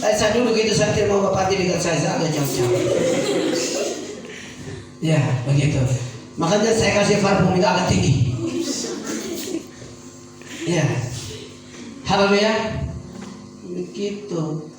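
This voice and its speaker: A man preaching a sermon in a church, animated, calling for amens and bursting into shouts. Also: high-pitched, measured pace, pauses often. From Indonesia. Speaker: evangelist preacher. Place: church hall with congregation. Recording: very echoey hall, from far off, faint noise.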